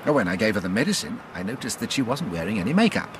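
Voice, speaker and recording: An actor playing an earnest, plain-spoken doctor and loyal companion in a British radio drama, with an English accent. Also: male voice, on the low side, sing-song, quick pace, background noise. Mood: firm, earnest. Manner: earnest, mildly indignant.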